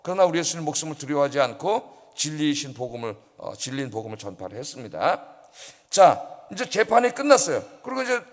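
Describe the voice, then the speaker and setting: Male pastor, animated storyteller, reverberant sanctuary. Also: a little high. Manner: animated storytelling, acts out quoted voices, asks the congregation questions. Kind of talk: early-morning sermon. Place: church sanctuary. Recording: long church hall reverb.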